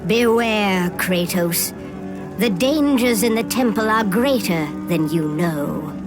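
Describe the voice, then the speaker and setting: Slow, foreboding oracle. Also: female voice, mid-range voice, expressive. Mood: ominous warning. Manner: slow, ominous pronouncements. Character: solemn female oracle, foreboding and stern. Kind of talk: video game cutscene acting. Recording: music behind the voice.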